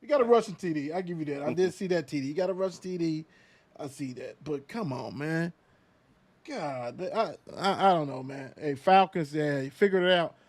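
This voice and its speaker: A male sports show host talks in loose, animated banter, full of slang and filler words. His voice sits high for a man. The sound is dry and close. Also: normal speed, no room sound. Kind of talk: casual sports talk.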